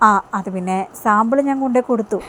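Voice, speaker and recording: A woman's voice: on the high side, fast, fairly bright tone, slight background noise, close to an everyday voice. Brief: woman reading a level-headed caring young niece from a soap retelling. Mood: concerned. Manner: caring, reasoning. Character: calm sensible young woman.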